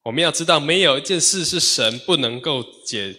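Male interpreter, church hall, steady phrase-by-phrase delivery, bright tense tone. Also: a little high, brisk. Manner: steady, echoes each phrase after the preacher. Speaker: sermon interpreter. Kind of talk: live sermon interpretation.

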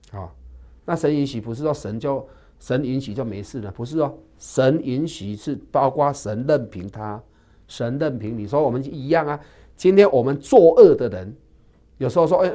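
Man, preacher, expository sermon, animated pitch, rhetorical questions, mellow tone. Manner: asks and answers his own rhetorical questions; acts out the quoted figures with dramatic swings in pitch and loudness.

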